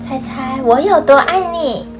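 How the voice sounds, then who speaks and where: A woman's voice: high-pitched, animated, measured pace, soft background music, pitched above the performer's own voice. A woman voicing an eager, loving young rabbit child with childlike, exaggerated expression, as if reading a picture book to a toddler.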